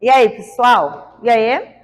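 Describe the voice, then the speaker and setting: Playful high-voiced woman teacher. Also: slow pace, big-room sound. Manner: playful, coaxing the class. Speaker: biology teacher. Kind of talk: classroom quiz review. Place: large classroom.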